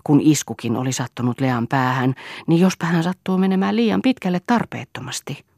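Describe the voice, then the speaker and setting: A woman narrating a literary novel as an audiobook in a measured way, often dropping to a hushed, breathy tone. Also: low-pitched, dry recording, clean studio sound.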